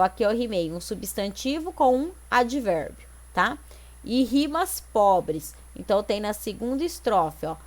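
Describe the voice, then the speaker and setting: A Brazilian woman teacher explaining exercises step by step in an online lesson, with frequent tag questions to check that her students follow. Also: medium pitch. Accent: Brazilian Portuguese. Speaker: Portuguese teacher.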